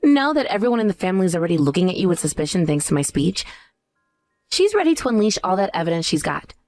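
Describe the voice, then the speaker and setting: A woman's voice: lowish voice, big pitch swings, quick pace, darkish tone, no room sound. A woman playing a cool, scornful wife out for revenge in a dramatized story. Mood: taunting. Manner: taunting, cool. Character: scornful, vengeful pregnant ex-wife, coolly triumphant. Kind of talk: dramatized story dialogue and narration.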